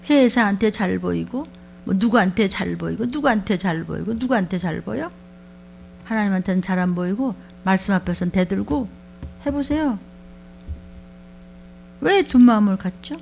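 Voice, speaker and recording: A woman pastor giving a sermon, talking to her congregation in a lively, conversational way and asking them many questions. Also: medium pitch, moderate pace, creaky, long pauses, slight background noise.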